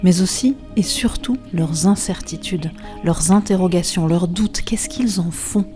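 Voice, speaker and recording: A woman journalist hosting a podcast, delivering a scripted intro and asking measured, poised questions. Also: fairly low pitch, warm tone, faint music behind.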